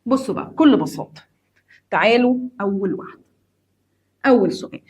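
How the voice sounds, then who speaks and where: A woman's voice: mid-range voice, lively intonation, quick pace, a little mellow, husky. A woman with an Egyptian Arabic accent explaining an English grammar lesson to students. She talks straight to them, repeats key points with emphasis and mixes English terms into her explanation. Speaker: English teacher.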